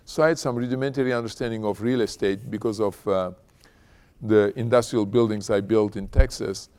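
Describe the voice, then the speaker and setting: Guest speaker and company founder from Istanbul, Turkey, this man tells his life story to an audience in a low, dark, resonant voice that stays steady and clear. He speaks conversationally but haltingly, repeatedly saying "you know."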